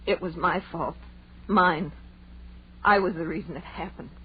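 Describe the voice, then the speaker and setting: A dull, slightly noisy vintage radio recording carries an actress playing a guilt-ridden young woman in a horror drama. She speaks very slowly, sombre and resigned, with halting phrases. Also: lowish voice, fairly even intonation, close to an everyday voice. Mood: guilty resolve. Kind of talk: old-time radio horror acting.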